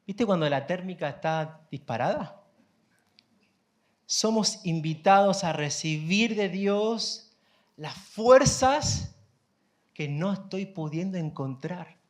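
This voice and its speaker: Man, pastor, sermon, slow deliberate delivery, questions to the congregation. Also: sits high. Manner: preaching with rhetorical questions to the congregation.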